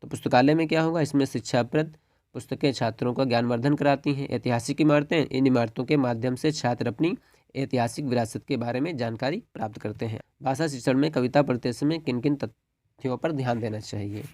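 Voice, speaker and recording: A man's voice: medium pitch, brisk, a little mellow, no room sound. A man tutoring students through a solved exam paper, reading questions and answers as lists and addressing them as friends after nearly every point. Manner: repeats "dosto" and "theek hai", reads answers as dictated lists. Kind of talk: exam paper walkthrough lesson.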